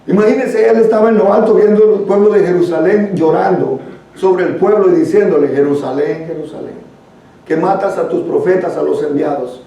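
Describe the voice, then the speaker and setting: His voice is high, gravelly and warm, moving at a normal speed, with a Guatemalan accent. He's leading a church Bible study, earnestly reading and explaining scripture as if in conversation, heard through a distant microphone in a very echoey room.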